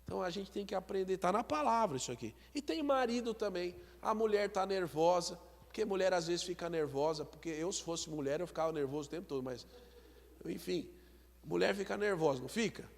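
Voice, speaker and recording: Brazilian man preaching, high voice, conversational, long church reverb. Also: gravelly. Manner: conversational preaching, reads scripture slowly and loudly, acts out little dialogues. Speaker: pastor. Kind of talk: sermon at a prayer service. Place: church sanctuary.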